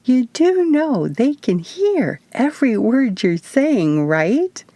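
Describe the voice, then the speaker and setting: A woman's voice: medium pitch, big pitch swings, normal speed, darkish tone, no echo, voice pushed up. A woman voicing a bubbly, giggly young female clone who chirps in valley-girl talk.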